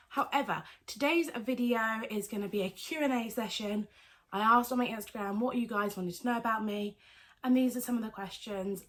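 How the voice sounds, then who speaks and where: A woman, answering viewer questions in a chatty, rambling vlog with lots of fillers and self-corrections. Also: medium pitch. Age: 20s. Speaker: vlogger. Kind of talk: casual Q&A vlog.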